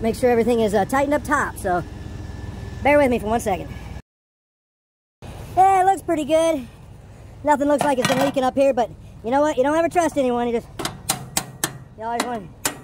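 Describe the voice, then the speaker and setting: A man's voice: very high-pitched, fairly quick, pauses often. A man in his forties, a truck driver vlogging casually, chatting to himself while he checks over his rig, first outdoors at a truck yard, then inside his cab. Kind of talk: casual vlog commentary. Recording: outdoor vehicle noise behind.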